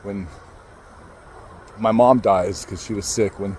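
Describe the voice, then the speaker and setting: Low, mellow man telling a personal story. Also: fairly even intonation, slight background noise, rough recording. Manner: halting, emotional, swears casually. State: emotional. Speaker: motivational speaker.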